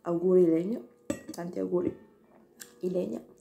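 A woman's voice: on the low side, fairly even intonation, moderate pace, creaky, mellow, a little hiss or hum. A woman chatting casually to her viewers while eating, talking with her mouth full of pasta. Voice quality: chatty, self-deprecating, laughs often. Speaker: mukbang vlogger.

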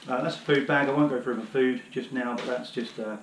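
A British outdoor gear vlogger in his thirties kneels on his living room floor, casually rambling through his hiking kit with plenty of fillers. A camera on the floor a few metres away picks up his mid-range, fairly even, brisk voice. The audio is poor, echoey, and has a little hiss or hum.

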